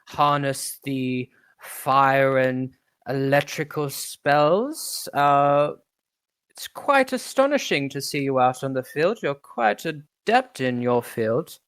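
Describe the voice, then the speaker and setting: A man's voice: mid-range voice, fairly bright tone, no room sound. A man, running a tabletop game, voicing a polite and fussy male butler robot who talks in a prim, courteous way. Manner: prim, smooth-talking and courteous.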